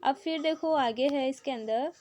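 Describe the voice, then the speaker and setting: A woman teacher with an Indian accent, explaining an English lesson in Hindi and reading English lines out slowly. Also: high-pitched, darkish tone, a little hiss or hum.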